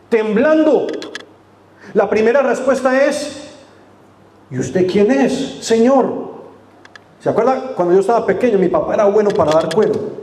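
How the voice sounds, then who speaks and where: A man preaching a sermon in a church, speaking earnestly to the congregation and dropping to a hush for quoted lines. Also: high voice. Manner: earnest, addressing the congregation directly; dramatic drops to a hushed voice for quotes. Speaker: pastor. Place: church sanctuary. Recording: echoey church room.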